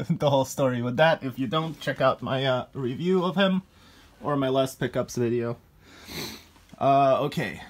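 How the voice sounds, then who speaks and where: With a mid-range voice, a collector films his toy pickups while walking around a cluttered indoor collection room, phone camera in hand. The vlog-style chat is loose and rambling, full of ums, uhs and chuckles.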